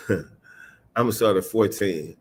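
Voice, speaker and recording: A man's voice: lowish voice, measured pace, breathy edge. Emphatic man teaching from scripture. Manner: emphatic, stresses single words while reading scripture aloud; casual street slang mixed with King James reading. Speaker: religious teacher.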